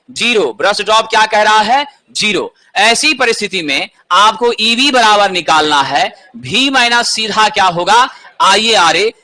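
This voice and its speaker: A man's voice: high-pitched, sharp tone. A man teaching an exam-prep lesson, asking questions and answering them himself.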